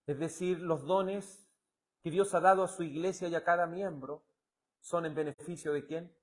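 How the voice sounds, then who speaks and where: Guy with a high voice giving a sermon, keeps asking the church questions, loud then quiet. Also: steady tone, moderate pace. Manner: preaching with sudden swings from loud to hushed; asks the congregation rhetorical questions. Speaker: pastor.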